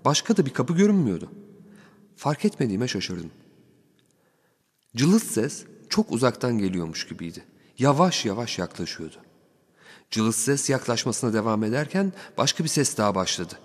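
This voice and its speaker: Male narrator for a first-person audiobook, wry and animated, long hall reverb. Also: mid-range voice, moderate pace, pauses often.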